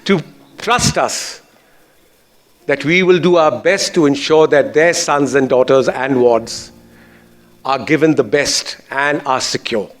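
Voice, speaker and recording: A man's voice: mid-range voice, slow, faint music behind. A man with an educated, posh Indian English accent gives a formal speech as a school chairman, earnest and emphatic in his phrasing.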